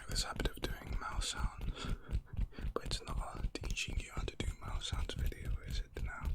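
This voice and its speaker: An ASMR creator whispering a tutorial on hand and nail sounds close to the mic, with joking, slangy asides. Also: normal speed.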